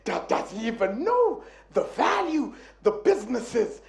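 A preacher voices a rich young man who frets under his breath, stammering and hesitant. The voice sits fairly high and quiet. It rings through a reverberant church. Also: very animated, a little slow, creaky, heavily acted. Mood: anxious muttering. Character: rich young man, anxious, muttering over his wealth. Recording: echoey church sanctuary.

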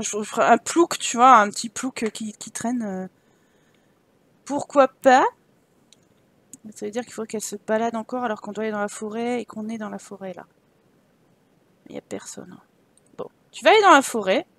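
A woman with a bright-ish, mid-range voice plays a game as a let's-player, reading quest text aloud and giving casual, playful commentary. She speaks at normal speed with long pauses, laughs often and swears casually. The recording is dry.

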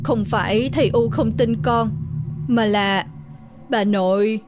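A woman's voice: a little high, takes it slowly, music in the background. A woman voicing a grieving village father who stammers with a trembling voice. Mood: shaken grief.

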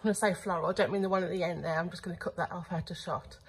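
A woman's voice: lowish voice, fairly even intonation, very fast, slightly rough, rough recording. A middle-aged woman chatting casually to camera as an online reseller, rambling along with many fillers. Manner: talks quietly inside the unit. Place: storage unit.

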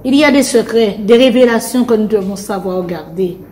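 A woman's voice: mid-range voice, a little mellow. A woman preacher leading a fervent prayer and reading aloud from the Bible, repeating invocations to the Lord between short phrases. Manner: short spoken phrases with pauses.

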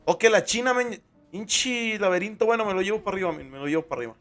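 A young man with a Mexican Spanish accent chats through his horror game stream, teasing and slangy, tagging his lines with "men". His voice sits a little high. Faint game music plays underneath. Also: quick pace, a bit bright. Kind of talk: casual gameplay commentary.

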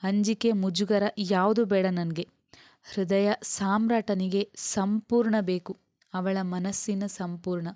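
A woman's voice: mid-range voice, fairly even intonation, slow, warm tone, no room sound, close to an everyday voice. A woman reading the lines of a restrained, tender male hero in a romance audiobook, speaking earnestly.

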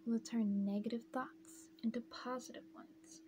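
A young adult woman giving a soft, soothing, repetitive whispered ASMR pep talk, close to the mic. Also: fairly high pitch, fairly even intonation, moderate pace. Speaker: ASMR creator. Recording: clearly noisy, humming close-up recording.

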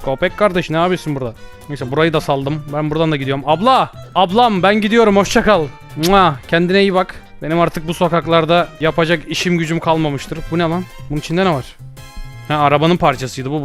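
A young man giving jokey, excitable gameplay commentary with loud comic outbursts. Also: fairly high pitch, fast. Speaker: gaming YouTuber. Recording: faint background music.

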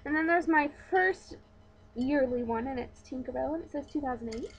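A woman's voice: high voice, moderate pace, slight background noise. A young woman chatting casually in a show-and-tell vlog, rambling with lots of likes and ums, recorded on her camera mic. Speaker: vlogger.

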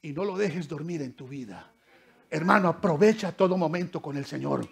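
A pastor preaching a sermon in church, swinging from loud exclamations to soft asides and keeping up direct address to his listeners as brothers. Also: a little high, lively intonation, normal speed, creaky.

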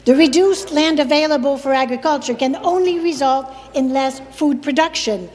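High-pitched older woman reading in parliament. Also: darkish tone. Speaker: member of provincial parliament. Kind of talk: read parliamentary question. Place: large legislative chamber. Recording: echoey legislative chamber.

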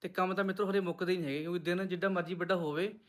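Male vlogger, Punjabi accent, higher-pitched voice, rapid chatty delivery to camera. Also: fairly even intonation, fairly bright tone. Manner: chatty, addresses viewers as friends. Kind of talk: casual vlog narration to viewers.

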